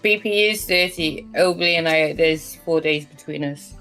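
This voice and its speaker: A woman's voice: sits low, unhurried, a bit bright. A woman in her thirties chatting casually while gaming, blunt and sweary. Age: 30s. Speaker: gaming stream co-host. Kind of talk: casual chat. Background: game music.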